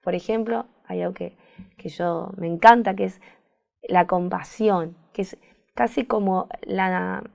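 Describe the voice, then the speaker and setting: Woman, Rioplatense Spanish accent, gravelly fry, therapist guest, reflective, searches for words. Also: lowish voice, unhurried, a little mellow. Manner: thoughtful, searching for words, repeats phrases. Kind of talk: reflective conversational interview.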